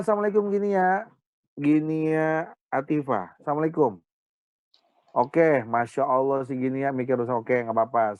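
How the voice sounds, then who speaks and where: A male teacher calls the roll on a video call, teasing his students as he goes. His voice is smooth and resonant. The sound is dry and a little muffled. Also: medium pitch, no echo. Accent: Indonesian. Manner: joking, teasing banter with students. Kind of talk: online class roll call.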